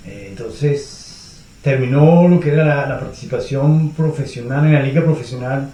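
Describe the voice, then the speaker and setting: A Venezuelan man with a Venezuelan accent, a guest answering interview questions in a measured way, with frequent hesitations. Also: medium pitch, mellow. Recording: echoey room.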